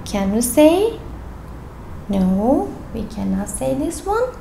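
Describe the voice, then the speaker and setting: Here a Turkish-native woman gives an English worksheet lesson at a desk indoors, reading each question and patiently working through the answers. Her voice is high-pitched, gravelly and warm in tone, very animated yet slow. The sound is roomy, with a little hiss or hum.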